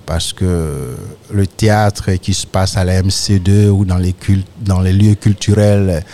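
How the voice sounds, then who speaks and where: A man with an Ivorian accent, a storyteller and actor, talking in a radio interview in a lively, animated way. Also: deep voice, unhurried. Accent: Ivorian French. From Côte d'Ivoire. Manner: lively storyteller, animated when describing his craft.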